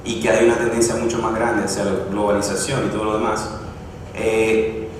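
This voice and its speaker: Speaking at normal speed with a fairly low pitch and level tone, a male conference speaker explains his material at length, with frequent hesitations and restarts. Captured in a large, echoey conference room by a distant mic, the audio includes background noise.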